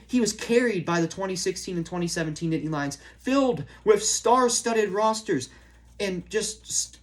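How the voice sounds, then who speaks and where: Exasperated man on a sports fan rant. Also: sits high. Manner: exasperated, emphatic, repetitive for emphasis. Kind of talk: opinionated rant to viewers.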